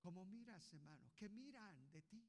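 A man preaching a sermon as pastor, impassioned, swinging from hushed asides to shouts. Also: high-pitched, animated, normal speed. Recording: long hall reverb.

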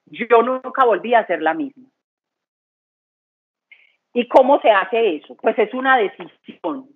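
A woman's voice: fairly high pitch, lively intonation, measured pace, breathy edge. Woman, church testimony, earnest and chatty, thin phone-like audio. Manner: earnest, conversational, repeats phrases for emphasis. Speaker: church speaker giving testimony. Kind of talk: testimony talk. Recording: tinny phone-line sound.

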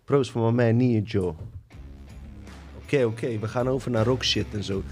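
A man hosting a casual podcast, relaxed and slangy, talking to his guest and his viewers. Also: mid-range voice, normal speed, faint music behind. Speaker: podcast host.

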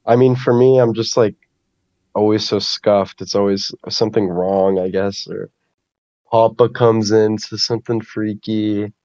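A man with a low-set voice chats in a rambling, self-deprecating way, laughing at himself as he goes. His poor microphone sounds dull and dry, with no room around it. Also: steady tone, measured pace, mellow, no echo. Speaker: podcast guest streamer. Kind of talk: casual podcast chat.

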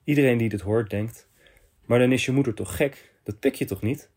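A man hosting a podcast, reading a listener's confession letter aloud in short, measured phrases. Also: mid-range voice, darkish tone.

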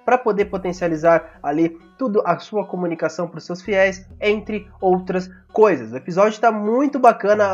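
Man, Brazilian accent, high-pitched, hoarse sore throat, casual podcast intro style, dull recording. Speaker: podcast host. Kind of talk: casual solo podcast introduction and sponsor read.

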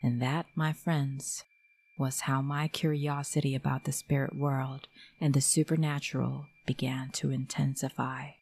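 Slow, low-voiced Filipino woman storyteller. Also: flat delivery, vocal fry, darkish tone, husky. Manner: measured, dramatic storytelling delivery. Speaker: storyteller host. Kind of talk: scripted spooky story narration.

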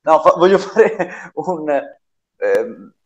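A man's voice: fairly high pitch, sing-song, extremely slow, dull audio. A man chatting casually about football as a pundit, blunt and slangy, letting phrase endings trail off.

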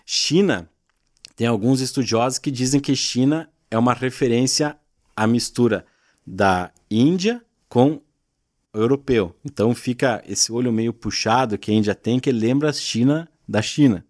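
In a mid-range, slightly mellow voice and at a slightly slow pace, a man from southern Brazil patiently explains regional expressions as a podcast guest in casual chat. He creates gaúcho culture content and often uses tag questions. The studio-quality recording has no echo.

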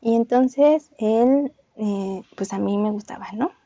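A young woman chatting on a podcast, telling a story and laughing between lines as she plays out little voices. Her voice sits a touch high but sounds dark and gravelly, with a husky edge. The recording is dry and a little muffled. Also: slow pace, no room sound. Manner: laughs often, acts out voices in her anecdotes. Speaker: podcast co-host. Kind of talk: casual storytelling chat.

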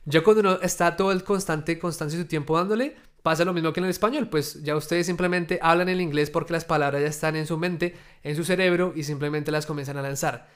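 A man who runs his own businesses talks straight to his viewers in a casual video. He keeps asking them questions and strings his thoughts together with loose, chatty fillers. His voice sits a touch high for a man. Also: steady tone, quick pace, hardly any pauses, a bit bright. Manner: addresses viewers directly with rhetorical questions; conversational, loose, with many fillers. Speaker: entrepreneur sharing his experience. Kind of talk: casual talk to camera.

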